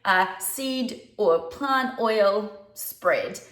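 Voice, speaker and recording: A woman's voice: mid-range voice, expressive, extremely slow, fairly bright tone. A woman with a New Zealand accent, a baby sleep consultant giving casual, chatty advice straight to her viewers. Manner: chatty and conversational, with light laughs. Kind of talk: casual advice talk to camera. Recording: roomy echo.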